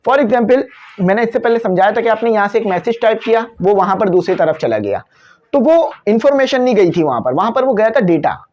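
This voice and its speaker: A man's voice: sits high, big pitch swings, brisk, a little mellow, dull audio. A man with a Pakistani Urdu accent teaching a physics class, explaining with everyday examples and slipping into English for terms, on a cabled microphone. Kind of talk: classroom lecture video.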